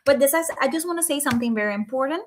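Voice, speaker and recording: A life coach from Puerto Rico hosts a casual livestream from home at night, speaking English with a Puerto Rican Spanish accent; Spanish is her first language. Her high-pitched voice moves in rapid-fire bursts with lively intonation, and she's earnest and chatty, often saying "right?" and "um." There's slight background noise.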